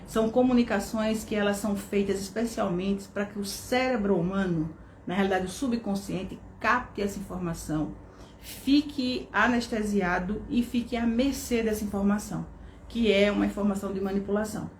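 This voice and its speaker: A Brazilian woman instructor talks through a lesson at a middle pitch, with explanatory pacing and frequent check-ins with her audience. Her voice carries a roomy echo with a faint noise bed underneath. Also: moderate pace. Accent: Brazilian Portuguese. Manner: explanatory, uses tag questions like "né?" and "tá?". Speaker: course instructor. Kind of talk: online lesson. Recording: echoey room with faint background noise.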